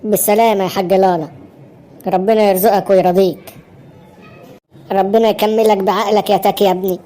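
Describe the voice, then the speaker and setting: A woman's voice: medium pitch, fairly even intonation, a little fast, mellow, natural voice. A woman voicing a nagging doting Egyptian mother. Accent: Egyptian Arabic. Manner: nagging, coaxing. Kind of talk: cartoon voice acting.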